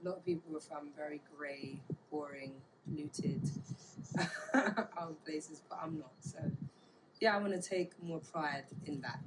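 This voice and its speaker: A woman from Bermuda, talking casually and reflectively in an interview, pausing to search for words. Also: sits low. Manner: thoughtful, halting, searching for words. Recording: clear background ambient noise.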